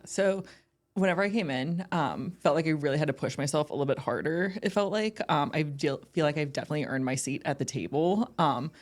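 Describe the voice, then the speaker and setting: A woman's voice: low voice, expressive, brisk. A young woman speaking as a podcast guest, chatty and upbeat, with many "like" and "um" fillers. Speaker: guest, ballpark entertainment manager. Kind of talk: casual interview chat.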